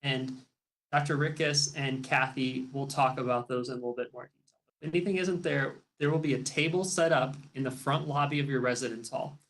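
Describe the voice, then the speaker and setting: Man with a gravelly voice giving updates. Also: medium pitch, brisk, a bit bright, low-quality recording. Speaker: staff organizer giving updates. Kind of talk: informational webinar updates.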